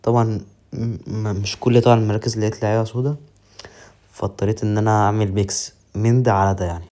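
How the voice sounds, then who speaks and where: A man with an Egyptian accent commentating his own football game match with excited, joking play-by-play. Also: on the low side, fast talker. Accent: Egyptian Arabic. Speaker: mobile football gamer.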